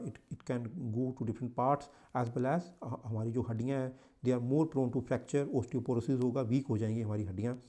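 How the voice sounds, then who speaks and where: Indian guy teaching a lesson, warm low-key voice, keeps repeating himself. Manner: mixes English into Hindi, repeats and self-corrects. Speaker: exam coaching teacher. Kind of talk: lecture.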